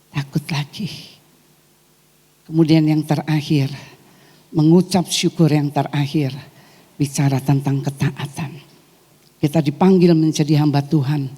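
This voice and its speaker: A middle-aged woman pastor preaching a sermon at a church service, growing emotional and rising high in pitch when stirred. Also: dark tone, in a large hall. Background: music.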